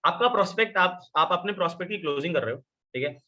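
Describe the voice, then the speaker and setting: A man training a virtual meeting in Hindi mixed with English, animated and constantly asking his listeners questions. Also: sits high, fast. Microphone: video call. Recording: lo-fi video call audio.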